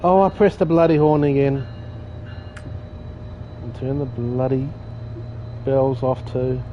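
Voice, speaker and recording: In a slow, mid-range voice with fairly even intonation, a gaming streamer rambles casually about the train driving game he's playing. He's self-deprecating and swears mildly, and the lo-fi recording sounds dull, with faint game noise.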